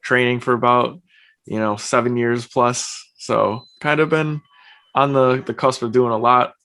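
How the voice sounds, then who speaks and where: A man's voice: mid-range voice, a little slow. A young man, a guest on a podcast, who talks in a loose, chatty way and fills his speech with "like.". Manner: relaxed, chatty, uses lots of fillers like "like". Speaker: podcast guest, streamer and personal trainer. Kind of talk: casual interview chat. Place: home, evening.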